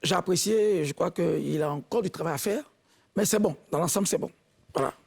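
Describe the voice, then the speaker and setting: Gravelly jury man. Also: high voice, darkish tone. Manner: measured, halting, repeats words. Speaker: jury member. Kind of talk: spoken critique of a contestant.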